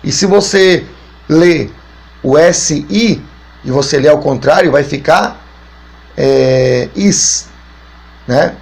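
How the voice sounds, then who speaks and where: A man's voice: a little high, creaky, darkish tone, husky. A man with a Brazilian Portuguese accent, a pastor giving a Bible teaching lesson, explaining step by step and repeating his points. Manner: explains slowly and repeats points, many fillers.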